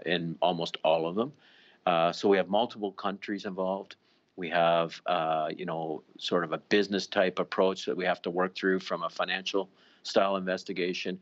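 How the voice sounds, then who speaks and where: Police boss answering questions, super low voice, slow official talk with lots of uhs, muffled audio. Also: male voice, a bit bright. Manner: deliberate, official, with frequent uh fillers. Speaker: police deputy commissioner. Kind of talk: news interview answers.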